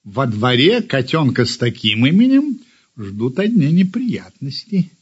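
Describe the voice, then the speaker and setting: A man narrating a children's story in an expressive storytelling manner. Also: mid-range voice, unhurried, slightly rough. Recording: dull lo-fi recording.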